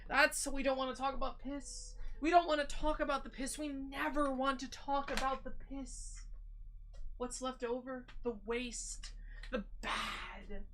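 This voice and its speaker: A young woman, tipsy, giving a theatrical mock-motivational livestream monologue in a drawn-out way, swinging between hushed and loud emphasis. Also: high-pitched, poor audio. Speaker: VTuber streamer. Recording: music behind the voice. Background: background music.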